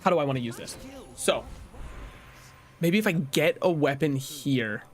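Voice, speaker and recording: A man's voice: a little high, lively intonation, a little slow. A man streaming a card game, talking casually through his moves, swearing now and then and laughing at his own jokes. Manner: chatty, swears, laughs at himself. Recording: faint music behind.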